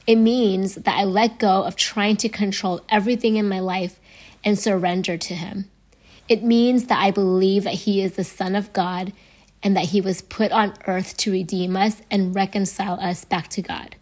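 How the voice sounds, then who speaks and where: A young adult woman hosting a faith podcast, her voice hoarse and raspy from laryngitis, talking in an earnest, conversational way. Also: mid-range voice, fairly even intonation, normal speed, a little mellow. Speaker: podcast host.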